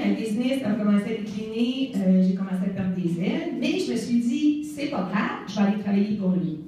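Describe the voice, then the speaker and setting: A woman in her forties from Canada with a Québécois accent, telling her own story to an audience in a chatty way, with many fillers. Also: mid-range voice. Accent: Québécois French. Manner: warm, conversational storytelling with fillers. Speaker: guest speaker. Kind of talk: personal testimony speech. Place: event hall. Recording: echoey hall, mic far off.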